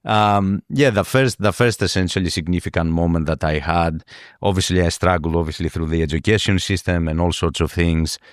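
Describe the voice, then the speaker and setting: Deep-voiced man, earnest. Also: no echo, studio quality. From Greece. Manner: earnest, halting, repeats words while searching for them. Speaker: guest. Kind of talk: podcast interview.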